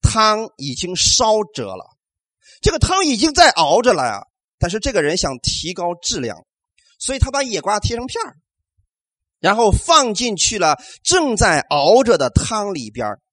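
A male pastor preaches with a high, lively voice that swoops up and down as he asks his congregation question after question. He punctuates his points with amens. The sound is dry and close, with no room echo. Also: normal speed. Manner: animated preaching with rhetorical questions and call-and-response amens. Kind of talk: sermon.

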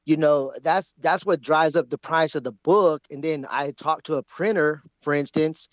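A man's voice: on the high side, moderate pace, dry recording. Man calling in over a phone line. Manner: rambling, with frequent restarts. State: has the flu, coughing at times. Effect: heard over a phone line. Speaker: caller. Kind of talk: casual call-in chat. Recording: dull phone-line sound, dry.

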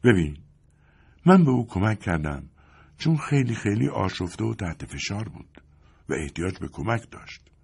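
A man's voice: fairly low pitch, sing-song, slightly rough. A man voicing a frightened young woman who speaks shakily and with care in a story reading. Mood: nervous. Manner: shaky, careful. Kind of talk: audiobook character voice.

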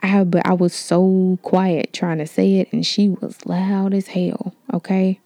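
Gravelly low-voiced woman telling a story. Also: a little slow, no room sound. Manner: candid, animated storytelling with slang. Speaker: podcast host. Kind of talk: story time.

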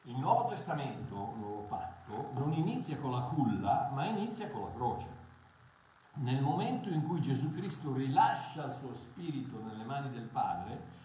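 A man delivering a sermon in a warm, dark voice, driving his points home with emphatic repetition. He stumbles into hesitant fillers and restarts, then surges forward with conviction. The recording is very echoey, with a faint hiss behind him. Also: medium pitch, very animated, moderate pace. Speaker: preacher. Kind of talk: Bible teaching sermon. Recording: very echoey room, faint noise.

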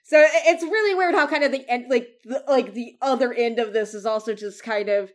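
A woman co-hosting a podcast in casual chat, rambling and cutting herself off with quick asides. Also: fairly high pitch. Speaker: podcast co-host.

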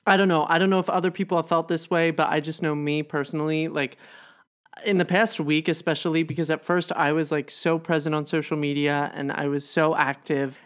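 A young woman co-hosting a podcast in casual chat, full of "like" fillers and quoted asides. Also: sits low. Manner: chatty, lots of "like" fillers, animated quoting. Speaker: podcast co-host.

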